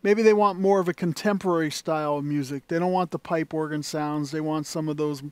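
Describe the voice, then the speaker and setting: This organ dealer, showing off an instrument at the console in a shop, has a fairly quick, smooth voice on the high side. Its tone is steady and a little mellow with no echo, and he rambles casually, full of fillers and restarts.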